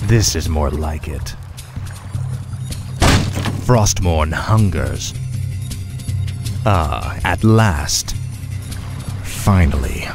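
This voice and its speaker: Game villain: ancient rasping undead king, low, slow, imperious, over loud music. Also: lively intonation, heavily acted. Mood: cold menace. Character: cold, menacing undead male death knight serving the Lich King. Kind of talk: video game unit voice lines. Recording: loud game music and battle noise behind.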